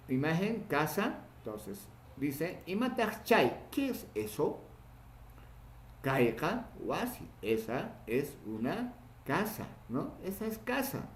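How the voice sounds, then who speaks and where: A male language teacher giving a recorded class, explaining slowly and checking in with repeated short questions. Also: fairly high pitch. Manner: patient, repeats words and asks "¿no?", "¿ya?". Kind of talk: online class lecture. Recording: echoey room with faint ambient noise.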